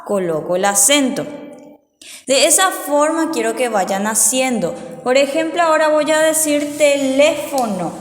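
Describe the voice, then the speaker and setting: A woman teacher leads a dictation lesson for small children, drawing out every syllable at a very slow, careful pace. Her voice sits a little high. The recording has a roomy, lingering echo. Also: expressive. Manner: sounds out syllables slowly and clearly; patient, step-by-step instructions. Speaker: primary school teacher.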